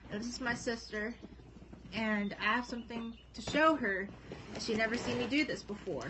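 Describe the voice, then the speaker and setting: A woman's voice: a little high, normal speed. A young woman talking casually to the camera as a vlogger in a small bedroom. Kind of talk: casual vlog chat to camera. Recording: noisy amateur home video.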